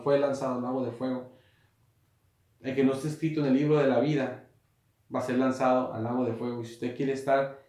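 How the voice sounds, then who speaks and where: A man preaching a sermon in a small room, repeating and rephrasing his points and rising to loud emphasis on quoted words. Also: medium pitch, echoey room. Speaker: pastor.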